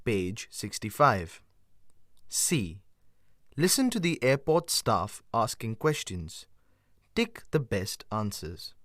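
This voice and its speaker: Slow, clear male course narrator. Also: fairly low pitch, big pitch swings, fairly bright tone. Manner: clear, instructive. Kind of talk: scripted textbook instructions.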